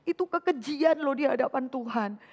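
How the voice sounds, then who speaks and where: Woman vicar delivering a sermon, high-pitched and lively, rhetorical questions with English phrases mixed in, reverberant church hall. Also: moderate pace. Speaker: vicar preaching. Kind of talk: sermon to a women's fellowship.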